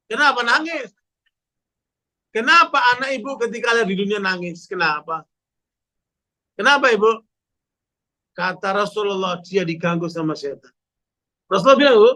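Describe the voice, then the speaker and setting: A man preaching to a women's study group, animated and full of rhetorical questions, often calling out to his listeners. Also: high-pitched. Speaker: Islamic preacher.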